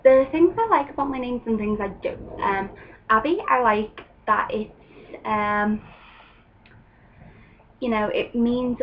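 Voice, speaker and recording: A young Englishwoman vlogs from a room at home, chatting casually in a slightly high voice at a slow pace with frequent pauses and lots of ums. Faint ambient noise drifts in through an open window, and the audio is dull.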